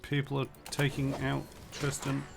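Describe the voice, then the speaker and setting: Brief: gravelly man streaming a game, casual, thinking aloud, mid-pitched voice. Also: completely flat delivery, normal speed, over music. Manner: rambling, thinking aloud with many fillers. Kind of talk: casual gameplay commentary.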